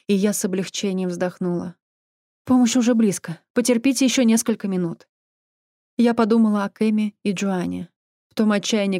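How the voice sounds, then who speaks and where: A woman narrating an audiobook in the first person with a measured, even reading. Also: medium pitch, dry recording, clean studio sound.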